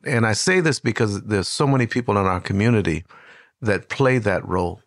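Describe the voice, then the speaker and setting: An older man hosting an interview, telling stories in a lively, conversational way with frequent restarts. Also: lowish voice, a little fast, dry recording, studio quality. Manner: warm storyteller, animated with many restarts. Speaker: host.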